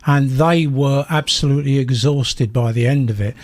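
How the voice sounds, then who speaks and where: An older man from South London with a South London accent, a guest in a radio interview who tells stories with lively acted-out dialogue. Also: mid-range voice, normal speed, a loud crowd. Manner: animated storyteller, acts out dialogue.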